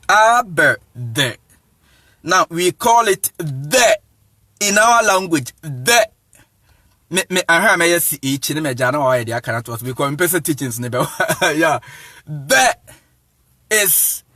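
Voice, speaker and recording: A man's voice: fairly high pitch, pushed and bright, dry recording. A man with a Ghanaian accent, an evangelist giving a casual teaching talk to viewers. He switches between English and Akan, spells words out letter by letter and keeps checking that listeners follow. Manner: spells words out slowly, repeats "you see what I'm saying", chuckles often.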